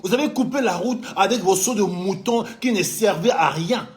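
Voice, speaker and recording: Man from Congo, high voice, fiery, scolding, political rant. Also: moderate pace. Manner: fiery, scolding, repeatedly addressing the president directly. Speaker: business owner living in France. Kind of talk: heated political commentary.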